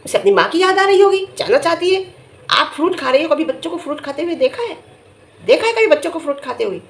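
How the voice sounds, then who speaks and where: A middle-aged woman giving casual vlog commentary, emphatic and scolding, her voice jumping high when she gets indignant. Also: very animated, fast. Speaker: vlogger reviewing family vlogs. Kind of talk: casual talking-head commentary.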